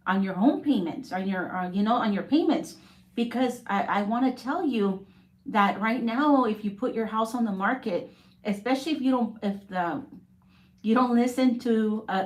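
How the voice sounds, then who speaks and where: A woman who works as a real estate agent, talking in a casual, rambling way on a live stream and often checking in with "okay?". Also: mid-range voice. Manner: rambling, keeps adding "okay?". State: coughing.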